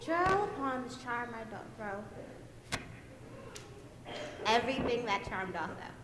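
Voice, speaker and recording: A teenage girl playing a mischievous fairy servant in a school stage play, delivering slow, theatrical lines from a distant mic in an echoey hall. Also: on the high side, sing-song, noisy background. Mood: sly. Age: teens. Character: mischievous sprite, errand-running fairy servant. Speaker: student actor. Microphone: distant room mic.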